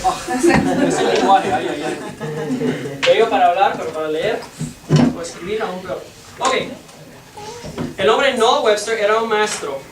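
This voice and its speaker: A native English speaker teaches a bilingual class in a medium-pitched voice, halting and searching for words while translating. The recording is noisy, with an echoey room and a distant mic.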